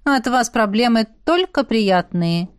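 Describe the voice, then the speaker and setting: Grumpy male AI, hoarse and raspy, played by a woman narrator, dry close recording. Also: on the high side, expressive, takes it slowly, no echo. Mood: sly. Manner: grumbling, indignant. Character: grumpy male AI program, know-it-all.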